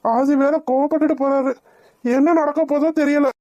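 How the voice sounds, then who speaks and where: A woman's voice: sits high, fairly even intonation, moderate pace, dark tone, no room sound, dull audio. Woman voicing a worried young sister. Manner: anxious, questioning. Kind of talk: cartoon voice acting.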